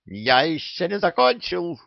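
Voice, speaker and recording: A man voicing a cheeky, boastful male parrot who bullies the crew, with a shrill, cocky, bossy manner. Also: expressive, a little slow, creaky, dry recording, highs cut off.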